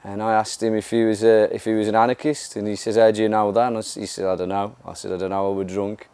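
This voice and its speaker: A man with a smooth, dark, mellow voice. He tells casual anecdotes in an easy, unhurried way. The recording is dry and close. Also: lowish voice, flat delivery, no echo. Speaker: guitarist. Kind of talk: documentary interview.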